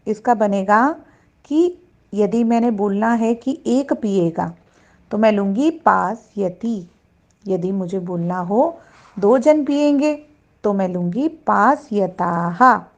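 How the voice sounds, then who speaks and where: Slow, patient woman teaching grammar. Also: medium pitch, animated, dull audio. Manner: slow, patient, recites verb forms deliberately. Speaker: Sanskrit teacher. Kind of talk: classroom grammar lesson.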